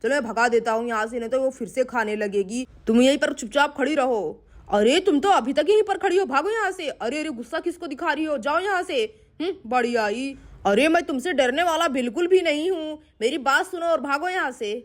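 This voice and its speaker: A woman's voice: high voice, lively intonation, a little fast, pitched below the performer's own voice. A woman voicing a grumpy, bossy village uncle in a doll story, grumbling and scolding. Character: gruff grumpy middle-aged village uncle.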